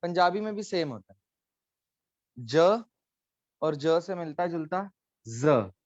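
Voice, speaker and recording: A man's voice: on the high side, lively intonation, slow, highs cut off. A man teaching a live online class, explaining letters patiently and coaxing students, dropping in English phrases.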